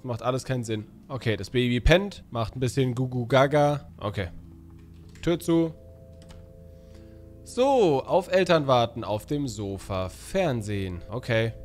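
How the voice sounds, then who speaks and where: A man casually commenting on a horror game as he plays, excitable and joking, bantering in slang with an in-game baby. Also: mid-range voice, normal speed, faint music behind. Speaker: gaming YouTuber. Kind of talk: casual let's-play commentary.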